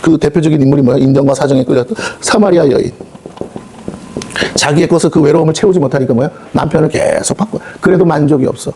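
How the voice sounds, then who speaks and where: A man's voice: on the high side, fast talker, mellow, slight background noise. A male pastor preaching a sermon, firing off rhetorical questions and slipping into quoted voices. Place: prayer house meeting hall.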